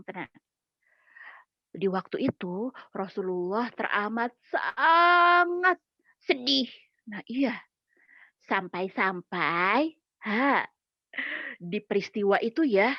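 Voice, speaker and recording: A woman's voice: medium pitch, expressive, takes it slowly, long pauses, no room sound. A woman telling a story to young children, playful and coaxing. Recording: dull lo-fi sound, dry.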